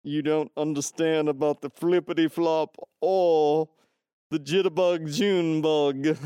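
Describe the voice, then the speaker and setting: A man's voice: a little high, fairly even intonation, dark tone, smooth, no echo, voice pushed up. A man putting on a haughty voice as a pompous snob who thinks he is cooler than everyone. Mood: condescending. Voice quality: haughty, drawn-out sneering delivery.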